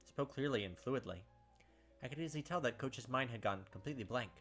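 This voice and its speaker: A man hosts a let's play, reading the story aloud and chatting casually with tons of filler, especially "like." His mid-range voice is expressive, fairly bright, and a little fast, with faint music behind him.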